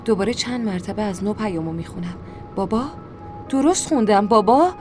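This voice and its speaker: A woman's voice: medium pitch, lively intonation. Woman narrating a tense story. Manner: emotional, shifts to screaming anger in dialogue. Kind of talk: dramatic first-person story narration. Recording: music behind.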